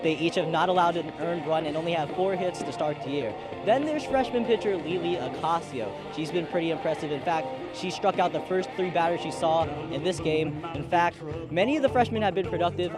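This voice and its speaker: A young man with a somewhat high voice delivers a live sports report for TV news from outdoors. Clear music plays behind him as he talks. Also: brisk. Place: outdoors at a softball stadium.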